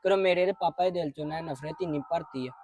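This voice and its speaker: Brief: a woman voicing a stubborn young grandson, rapid-fire and indignant. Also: sits low, mellow, slight background noise, close to an everyday voice. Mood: resentful. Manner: quick, insistent, arguing. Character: young boy, defiant grandson. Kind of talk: family drama acting.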